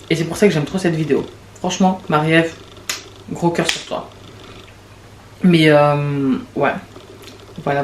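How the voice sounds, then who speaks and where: A woman's voice: fairly low pitch, darkish tone. Chatty woman in an echoey room. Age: late 20s. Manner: chatty, rambling, quick restarts and laughs. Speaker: podcast host. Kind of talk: casual confessional monologue. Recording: echoey room with faint background noise.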